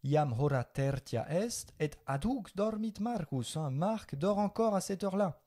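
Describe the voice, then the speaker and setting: A man from France leads a living Latin lesson, switching between Latin and French as he explains. His voice is mellow, and he corrects mistakes patiently. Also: sits high, animated, a little slow. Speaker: Latin teacher. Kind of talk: spoken language lesson.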